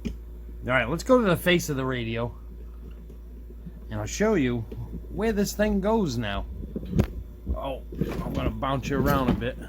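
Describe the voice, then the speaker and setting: Speaking a little slowly with frequent pauses in a medium-pitched voice, a man presents his radio modification at an indoor workbench, musing aloud in a casual, easygoing demo. The audio comes from a camera on a tripod nearby and carries room ambience and steady background noise.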